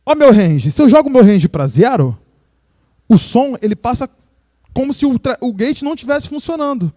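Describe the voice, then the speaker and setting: A Brazilian man with a fairly high yet mellow voice runs a hands-on class for a room of listeners. He explains in a relaxed, chatty way and keeps checking that people are following along. The sound is dry and close, with no room echo. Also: moderate pace. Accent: Brazilian Portuguese. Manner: casual and explanatory, checks in with tag questions. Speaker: sound course instructor. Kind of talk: live hands-on demonstration lesson. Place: room with a live audience and a sound system.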